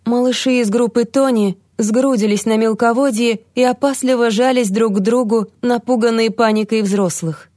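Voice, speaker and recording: A woman's voice: a little high, fairly even intonation, normal speed, hardly any pauses, warm tone, no room sound. Woman narrating a novel, dry close sound. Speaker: audiobook narrator. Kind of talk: scripted narration.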